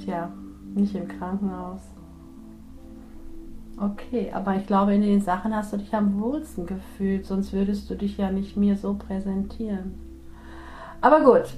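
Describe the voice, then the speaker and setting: A woman working as a spiritual medium, gently guiding a healing session and speaking softly to a soul. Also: medium pitch, poor audio. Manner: soft, soothing, gently addressing a soul.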